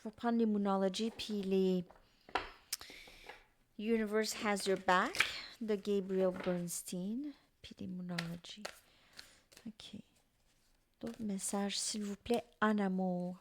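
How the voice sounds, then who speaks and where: A middle-aged woman with a Québécois French accent, giving a tarot reading to her viewers in an unhurried, musing way and speaking straight to them. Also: medium pitch, fairly even intonation, a little hiss or hum. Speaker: tarot reader.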